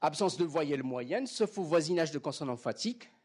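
Lively male lecturer with a background. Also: on the high side, a little fast, slightly rough. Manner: checks in often with the class, demonstrates sounds aloud. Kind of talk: classroom lecture on phonology.

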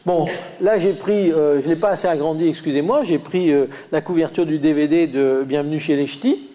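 A man's voice: a little high, normal speed, warm tone. A man from Lyon with a slight Lyonnais accent, giving a classroom lecture with slides, full of hesitations and restarts. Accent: Lyonnais French, slight. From Lyon, France. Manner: hesitant, many "euh" fillers and restarts.

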